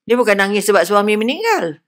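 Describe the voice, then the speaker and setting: An older woman with a Malaysian Malay accent giving a lively religious lecture, often putting questions to her audience. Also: mid-range voice, fast. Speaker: religious speaker.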